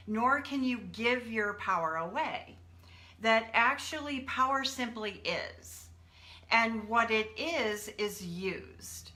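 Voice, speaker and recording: A woman's voice: fairly high pitch, pushed and bright. A woman hosting a live-stream talk as head of a coaching company, upbeat and explanatory. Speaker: CEO and host of a coaching company.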